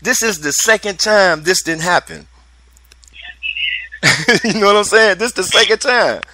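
Lively radio DJ. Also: male voice, sits high, a little slow, dry recording. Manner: animated, slangy, repeats himself. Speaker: radio DJ host. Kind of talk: casual radio show chat.

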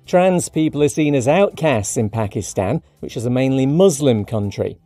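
A man hosting a short news podcast, reading scripted headlines in a brisk, upbeat and cheeky way. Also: medium pitch, animated, mellow, no room sound. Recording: dry studio read over light music.

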